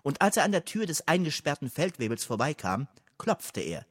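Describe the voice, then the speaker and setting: A man reading a story aloud in a lively, expressive way. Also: on the high side, moderate pace. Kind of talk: scripted narration.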